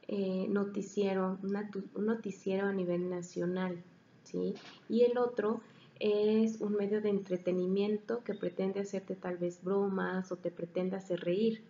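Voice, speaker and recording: A woman's voice: mid-range voice, steady tone, a little slow, mellow. A woman teacher, lecturing a class and often checking that students follow. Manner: explanatory, frequent checking questions. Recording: dull, roomy, faint hiss.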